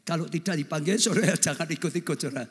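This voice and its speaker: Older pastor preaching in hall. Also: male voice, a little high, racing, breathy edge. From Indonesia. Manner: animated, repeatedly addressing the congregation. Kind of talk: sermon. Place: church.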